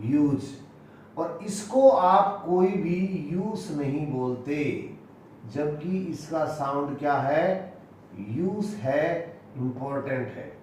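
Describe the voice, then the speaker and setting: Slow, deliberate Indian man teaching. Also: on the high side, animated, darkish tone, a little hiss or hum. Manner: slow and deliberate, repeating each word. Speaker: English pronunciation teacher. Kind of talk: classroom lesson, spelling out words. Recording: echoey room, voice from far off.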